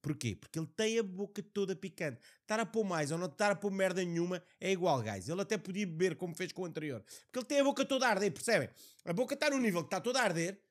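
Young Portuguese streamer, raised voice with a wide swing, excitable reaction commentary, faint music behind. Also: male voice, sits high. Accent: European Portuguese. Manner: excitable, swears, laughs a lot.

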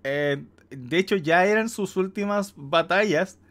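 A man's voice: high voice, unhurried, a bit bright. Casual Latin American man commenting. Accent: Latin American Spanish. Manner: amused, breaks into chuckles. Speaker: reaction host.

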